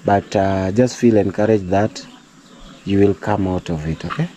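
Outdoors at a rural home, a young Kenyan man vlogs in a lowish, dark-toned, steady voice at a moderate pace, with a little hiss or hum audible. English isn't his first language, and he speaks it with a Kenyan accent, chatting to "guys" watching and now and then slipping into preachy, prayerful encouragement.

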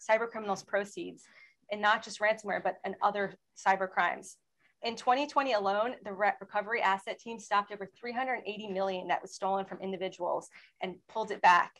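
A woman speaking as a panelist in a webinar presentation, explaining in a steady way and asking for slide changes. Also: medium pitch, rough recording. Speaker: federal law enforcement panelist.

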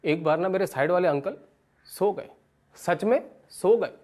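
A man's voice: sits high, a little slow. A man in his thirties doing stand-up, telling comic stories and acting out other people's lines. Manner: animated, acts out characters with raised voice. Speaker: stand-up comedian. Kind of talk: stand-up storytelling.

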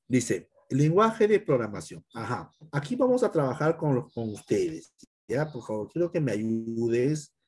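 A man's voice: mid-range voice, very animated, unhurried, a little mellow, breathy edge. A middle-aged male computer teacher, recording a lesson and talking straight to a student, sometimes acting out the student's fears. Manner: talks straight to one student, acts out pupils' fears.

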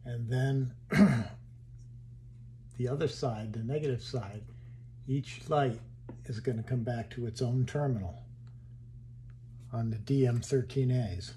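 A man casually walking through his hobby wiring build in a home workshop, halting and thinking aloud as he handles parts. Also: medium pitch, warm tone, slight background noise.

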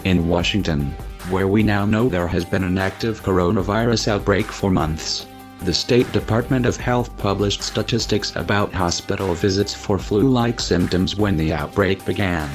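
A man reading a scripted anonymous statement in a disguised deep voice, pitched down by a voice changer, with a steady, grave, accusing delivery. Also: moderate pace, faint music behind. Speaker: anonymous narrator.

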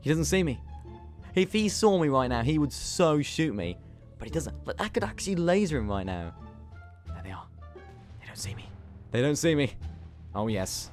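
A young man giving excitable, giggly commentary over his own gameplay, talking to himself as he plays. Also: a little high, normal speed, soft background music. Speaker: gaming YouTuber.

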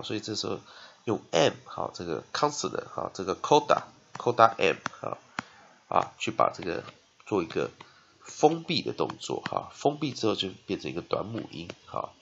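This English spelling and phonics lesson is led by a man speaking Taiwanese-accented Mandarin in a creaky, lowish voice. The audio is dull with slight background noise, and he draws out repeated syllables, often finishing a phrase with "ha."

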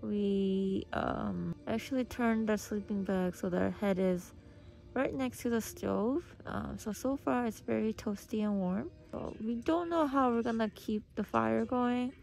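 A woman's voice: fairly high pitch, unhurried, gravelly, a little mellow, poor audio. A young woman chatting casually in a camping vlog from inside a small tent, giggly and talkative. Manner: chatty, giggly, switching between Korean and English. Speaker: vlogger.

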